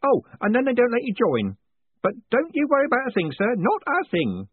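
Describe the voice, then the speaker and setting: A man voicing a fussy, eager old male postman who keeps calling people sir in a hoarse whisper. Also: very high voice, wildly swooping pitch, a little fast, no room sound, narrow, tinny audio, voice pushed up, heavily acted. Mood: eager, servile.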